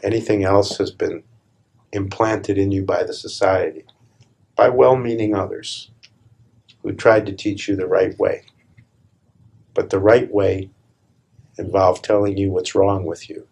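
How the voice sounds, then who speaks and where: Here a man acts as a spiritual teacher guiding a meditation. His voice is low-pitched with a husky, gravelly texture, and his calm, deliberate delivery breaks into short phrases with measured pauses.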